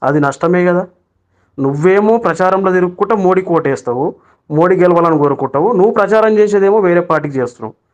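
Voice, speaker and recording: Man, Telangana Telugu accent, fairly high voice, urgent preachy voice message, lo-fi phone note. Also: fast. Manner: urgent and preachy, with frequent restarts. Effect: recorded voice message sent to a chat group. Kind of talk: persuasive political voice message.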